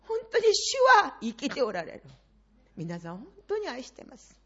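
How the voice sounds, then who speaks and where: A middle-aged woman preacher giving an impassioned sermon to a congregation, swinging between hushed and loud passages. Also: a little high, sing-song, normal speed, creaky, breathy edge. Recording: slightly dull lo-fi sound.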